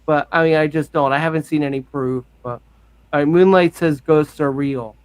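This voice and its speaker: A man hosting a casual conversation, musing openly and making fun of himself. His voice sits a little high. The sound is dry and close. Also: fairly even intonation, normal speed, clear, resonant tone, no room sound. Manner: candid, self-deprecating, musing. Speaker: podcast host. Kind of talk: casual chat.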